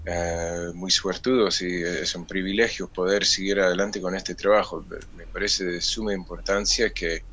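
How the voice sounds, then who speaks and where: A man, a musician guest on a radio interview, explaining things in a measured, thoughtful way. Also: deep voice, steady tone, bright, forceful tone, highs cut off, a little hiss or hum.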